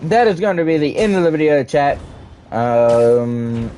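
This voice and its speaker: A young man streaming, chatting casually and rambling excitedly to his viewers, prone to ranting. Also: on the high side, slight background noise. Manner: rambling, excitable, quick to rant.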